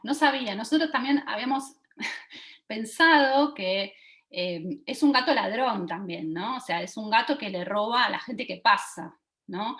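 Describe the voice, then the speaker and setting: A woman, giving an online teaching talk over a video call and often pausing to check that listeners are following. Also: mid-range voice, a bit bright. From Argentina. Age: 40s. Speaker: lecturer.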